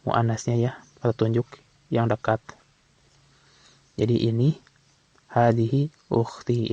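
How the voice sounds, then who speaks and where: A man teaching from an Arabic textbook in a casual way, reading phrases slowly and then explaining them quickly. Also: medium pitch, dark tone, no room sound. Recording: dull, slightly lo-fi sound.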